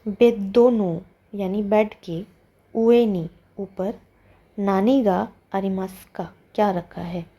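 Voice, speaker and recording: Woman language teacher; unhurried, careful delivery that stretches out each Japanese word, mellow tone. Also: medium pitch, steady tone. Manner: slow, careful explaining, drawing out the Japanese words. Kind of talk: explaining a textbook exercise.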